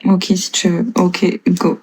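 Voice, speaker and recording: Woman, twenties, slight northern French accent, live-stream chat, answers comments, laughs a lot, warm mellow tone. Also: lowish voice, monotone, slow, breathy edge. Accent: slight northern French (Lille). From northern France. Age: 20s. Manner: chatty, laughs often, reads and answers comments. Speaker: livestreamer.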